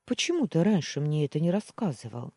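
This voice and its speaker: A woman's voice: deep voice, big pitch swings, brisk, a little mellow, slightly rough, dry recording, clean studio sound, exaggerated voice. A man reading an audiobook voices the narrator's younger sister, a nervous young woman, lifting his voice well up and making it breathless and pleading. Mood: sad.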